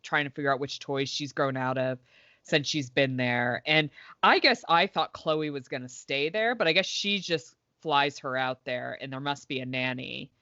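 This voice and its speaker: A woman's voice: rumbling low, normal speed, bright, forceful tone, no echo. A woman co-hosting a podcast in casual chat, talking with enthusiasm and plenty of filler words. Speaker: podcast co-host. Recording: dry, slightly dull sound.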